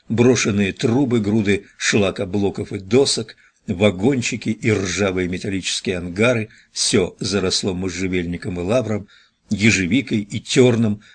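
A hunted, weary fugitive thinking to himself in a quiet inner monologue, as a male narrator reads him. The voice is low and slightly husky, with a calm tone. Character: hunted fugitive man, tired and tender.

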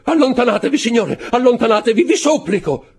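A man reading an audiobook, voicing a terrified, superstitious male Corsican steward who shouts and pleads desperately. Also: medium pitch, very animated, normal speed, slightly rough, pitched above the performer's own voice. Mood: panicked. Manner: shouting, desperate, trembling pleas.

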